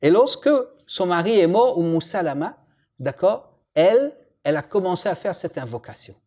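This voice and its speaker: An imam gives an informal religious lesson in a high-pitched voice at normal speed. He's lively, joking with the audience and putting questions to it.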